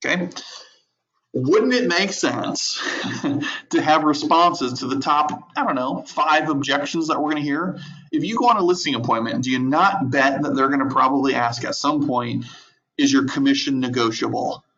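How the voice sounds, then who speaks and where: Animated man coaching real estate agents. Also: on the high side, moderate pace. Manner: animated, conversational, repeats words, laughs often. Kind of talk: virtual training lecture. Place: home office at a desk. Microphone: video call. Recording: dull lo-fi audio.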